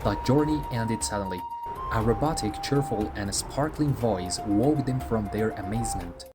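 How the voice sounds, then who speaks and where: A man reading a children's story aloud as narrator, in a steady, expressive manner. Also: lowish voice, moderate pace. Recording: music playing underneath.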